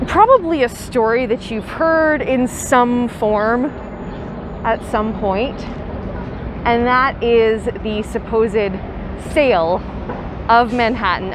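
A young woman tour guide narrating a walking tour outdoors in a city park, chatty and explanatory. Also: fairly high pitch. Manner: chatty, explanatory, with light laughs. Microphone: handheld camera, guide mostly off screen. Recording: faint outdoor city noise.

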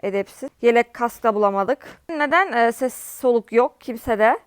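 High-voiced woman gamer venting loudly. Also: animated, normal speed, clean tone, no room sound, clean studio sound. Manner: chatty, with frequent exasperated outbursts at the game. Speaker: gaming streamer. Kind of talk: casual gameplay commentary.

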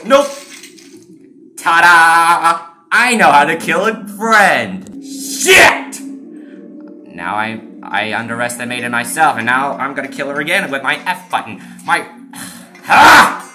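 A gamer giving excitable let's-play commentary, laughing and shouting taunts. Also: mid-range voice, slow, over loud music. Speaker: gamer playing a horror game.

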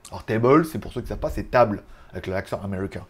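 A man's voice: fairly low pitch, rapid-fire, breathy edge. A man hosting a casual tech news vlog, rambling in a chatty way with joking asides. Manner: chatty, joking asides, laughs at own jokes.

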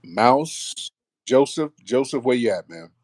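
A man's voice: medium pitch, takes it slowly, no room sound. A man hosting a live online call-in discussion, talking casually and bringing listeners up to speak one by one. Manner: relaxed, friendly, calls listeners up by name. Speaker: host of a live audio room.

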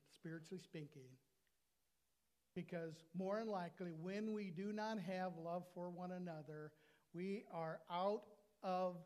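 Older guy preaching at a little church pulpit, slightly high voice, drags out key words, lapel mic. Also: a little mellow. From United States. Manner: earnest preaching, slows and stresses key words. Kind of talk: sermon. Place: church sanctuary, small.

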